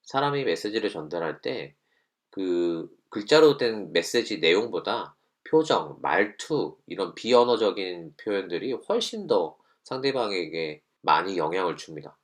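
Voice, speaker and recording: Lively-voiced male teacher explaining. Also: low voice, unhurried. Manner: explains step by step, acts out short example lines. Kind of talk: online class lesson.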